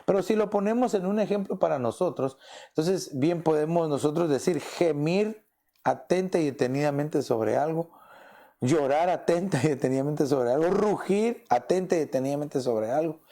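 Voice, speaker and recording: Preaching at a moderate pace in a fairly high, mellow voice, this pastor keeps his sermon conversational. Rhetorical questions come often, frequently followed by "¿verdad?".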